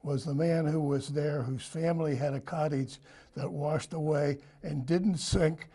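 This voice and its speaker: A man's voice: fairly high pitch, steady tone, a little slow, warm tone, slightly rough. A man hosting a casual local interview program.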